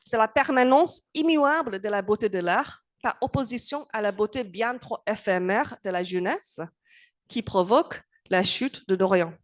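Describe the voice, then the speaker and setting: A woman delivers an academic lecture with a non-native accent. She talks in a halting way, full of fillers, and often restarts her sentences. Her pitch sits in the middle range. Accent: non-native speaker of French. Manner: hesitant, many fillers and restarts.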